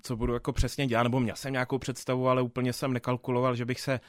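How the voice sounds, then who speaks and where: A man's voice: mid-range voice, little pitch movement, no echo, clean studio sound. A young man, a theatre dramaturg answering interview questions thoughtfully, with many fillers and restarts. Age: 20s.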